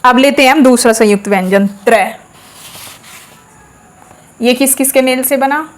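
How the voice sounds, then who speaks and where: A woman teaching a lesson, explaining step by step, asking questions and answering them herself, and saying sounds aloud slowly for practice. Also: sits high. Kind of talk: classroom lesson.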